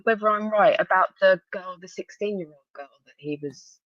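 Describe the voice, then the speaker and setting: A woman's voice: medium pitch, normal speed, no room sound. Essex lady just chatting on a live call in, bit muffled lo-fi mic, dry. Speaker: guest caller on a live discussion. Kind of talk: casual chat.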